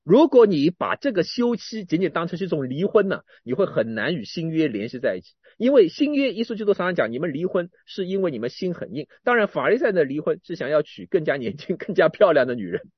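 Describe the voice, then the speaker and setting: A man preaching a sermon, animated, often repeating and restarting words and swinging from emphatic to quiet. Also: fairly high pitch, fast talker, few pauses, slightly rough, dry recording, muffled recording.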